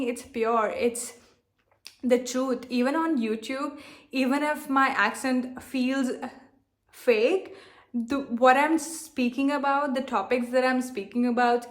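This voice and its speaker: A young Indian woman with a softened, globalized accent speaks directly to her viewers in a vlog monologue as a self-love coach and channel host. Her voice is on the high side, and she talks candidly and defiantly, repeating herself and using "like" a lot.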